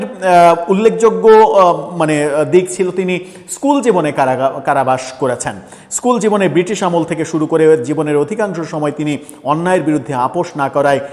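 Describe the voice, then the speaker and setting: A man talks through a political commentary in an earnest, pressing way, often stalling on filler sounds and restarting words. His voice sits a touch high, and a long reverb trails after it. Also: a little mellow.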